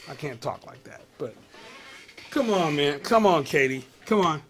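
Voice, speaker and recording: A man's voice: fairly high pitch, lively intonation, normal speed, a bit bright. A comedian hosting a live web show, riffing on news stories and talking straight to his viewers in a casual, exasperated way.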